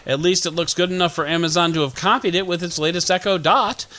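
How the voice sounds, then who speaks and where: Wry bright-voiced man hosting a podcast. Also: sits high, quick pace. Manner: wry, joking asides. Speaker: podcast host. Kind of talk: scripted tech news podcast.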